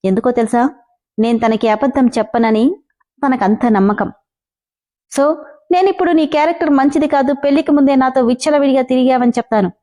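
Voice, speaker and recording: A woman voicing an obsessive, mocking young man in a storybook reading, in her own high, mellow voice. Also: fairly quick, lightly acted. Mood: taunting. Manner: taunting, possessive.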